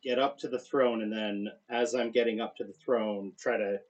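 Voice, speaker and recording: A man's voice: on the low side, fairly even intonation, normal speed, muffled recording, crowd noise. A man playing a tabletop game who asks the game master questions and declares his character's moves. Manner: inquisitive, declaring actions. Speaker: player. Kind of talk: casual tabletop game play.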